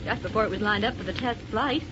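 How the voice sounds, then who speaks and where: A woman playing a plucky young female rocket co-pilot in a 1930s radio drama, crisp and matter-of-fact. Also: medium pitch, fast, close to an everyday voice. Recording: dull old radio recording with loud hiss.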